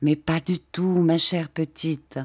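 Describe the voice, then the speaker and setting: Woman voicing a tender, earnest young lover, soft and coaxing, lowish. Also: little pitch movement, slow pace, no echo, studio quality.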